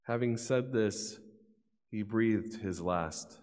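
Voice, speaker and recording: A middle-aged man reads scripture aloud at a church lectern in a formal, solemn narration, his voice lowish and darkish. He phrases things deliberately and formally. The sound comes through a gooseneck lectern microphone, with long church reverb around it.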